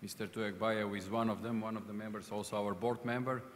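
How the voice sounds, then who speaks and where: Man, association representative, plain talk, low and flat. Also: brisk, slight background noise. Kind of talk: panel self-introduction. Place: conference hall stage, seated. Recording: hall reverb.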